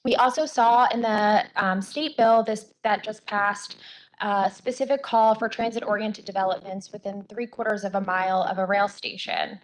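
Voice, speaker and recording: A woman attorney giving public hearing testimony with a voice that is going hoarse, speaking earnestly with frequent ums and restarts. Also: medium pitch, fairly even intonation, normal speed, a little hiss or hum, poor audio.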